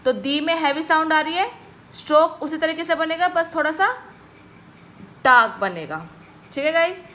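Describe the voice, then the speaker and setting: A woman's voice: very high voice, steady tone, fairly quick, fairly bright tone. A woman teaching a stenography lesson, patiently explaining each stroke and often checking in with her viewers. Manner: patient, repeats "ठीक है guys" often.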